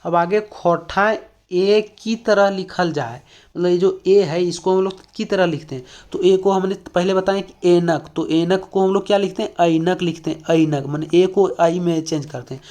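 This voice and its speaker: This Jharkhand man has a high-sitting, slightly mellow voice and keeps a moderate pace. He's leading an exam-prep language class, walking through each step with plenty of fillers and questions he keeps putting back to the students.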